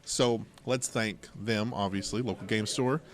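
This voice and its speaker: A middle-aged American man hosts a podcast from a local game store, spinning stories and banter with plenty of digressions and asides. His voice is lowish, unhurried, and fairly even in intonation.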